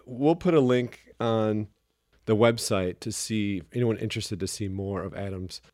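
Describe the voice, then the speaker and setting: A man's voice: on the low side, a little slow, a little mellow, dry recording, studio quality. A man hosting a casual interview, asking friendly conversational questions. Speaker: interview host.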